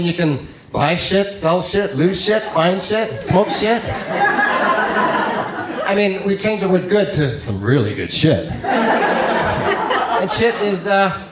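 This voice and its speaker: Canadian stand-up comic, higher voice. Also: male voice, very noisy. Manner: deadpan one-liners with mock foreign phrases. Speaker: stand-up comedian. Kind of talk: stand-up routine. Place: comedy club with live audience. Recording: echoey club, loud crowd laughter.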